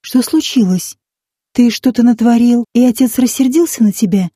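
A young village aunt, played by a woman, speaks with a mellow, slightly husky tone, lightly teasing one moment and sternly scolding the next. The voice sits a little high, with a dry, close sound. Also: moderate pace, no echo. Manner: teasing, then sharp and scolding.

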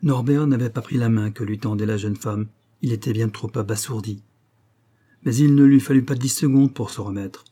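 Man narrating in a dark, husky voice. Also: medium pitch, moderate pace. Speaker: audiobook narrator. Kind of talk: scripted narration.

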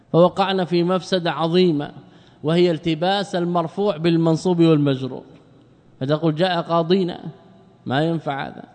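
A man teaching Arabic grammar in a classroom lecture, asking rhetorical questions, answering them himself, and slowing down to spell out word forms. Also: on the high side, a little mellow, in a large hall.

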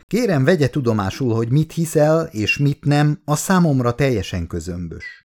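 A man's voice: medium pitch, animated, darkish tone, voice pushed up, lightly acted. A male reader voicing a cold, curt and ironic man in an audiobook. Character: aloof, cutting man, coolly dismissive. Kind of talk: audiobook character voice.

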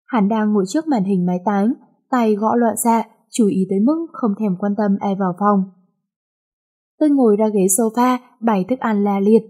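A woman narrating a first-person romance novel with lively, chatty delivery. Her voice is mellow and warm with a breathy, husky edge. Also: medium pitch, moderate pace. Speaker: storyteller.

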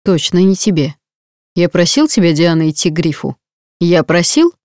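A woman's voice: fairly low pitch, big pitch swings, moderate pace, no room sound, clean studio sound. A woman voicing a stern, cruel male mafia boss who talks in a cold, threatening way. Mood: menacing. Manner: threatening, cold, then soft and quiet.

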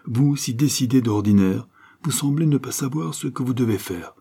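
A man voicing a gentle, calm country priest who speaks in a coaxing way in an audiobook. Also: mid-range voice, normal speed, breathy edge, pitched above the performer's own voice.

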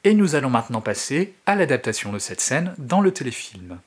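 A man and host narrating a horror short story in an expressive, theatrical way. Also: medium pitch, a little fast, slightly rough. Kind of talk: dramatic reading of a horror story.

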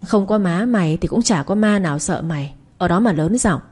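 A woman's voice: fairly low pitch, lively intonation, a little fast, darkish tone, breathy edge. A woman voicing a scrappy, cynical poor teenage boy who talks bluntly. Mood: scornful. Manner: blunt, scornful.

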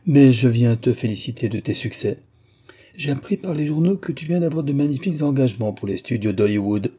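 A man reading an audiobook, voicing a gallant, scheming gentleman con man who coaxes in a husky, low-key voice. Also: lively intonation, a little fast. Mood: coaxing. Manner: gallant, coaxing.

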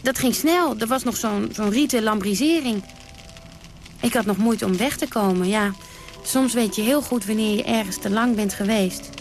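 Over soft background music, a woman with a natural, mid-range, darkish voice speaks at normal speed in a fierce mood. She's an actress performing a theatrical radio monologue as a brash, defiant woman recounting her wild nights, blunt and dry but prone to sudden outbursts.

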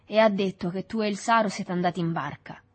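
A woman voicing a reluctant teenage boy who speaks slowly and hesitantly in an audiobook reading. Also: steady tone, lightly acted. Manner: slow, low-key, hesitant.

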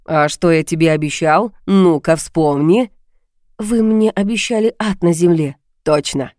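A woman's voice: lowish voice, measured pace, darkish tone, dry recording, studio quality, natural voice. A woman reading an audiobook, voicing a mocking, menacing male blackmailer who talks down to his victim on the phone. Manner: sneering, condescending, calls her baby.

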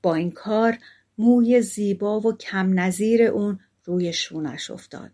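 A woman narrating a fairy tale audiobook. She reads calmly and steadily, with a middling pitch for a woman.

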